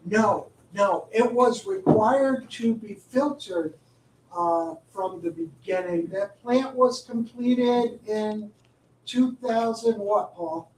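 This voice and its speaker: Man presenting to a county board, high voice, unhurried, full of "uh"s and dry jokes; heard from a distance in an echoey meeting room. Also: darkish tone, a little hiss or hum. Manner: halting, many filler "uh"s, wry asides. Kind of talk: informal public briefing.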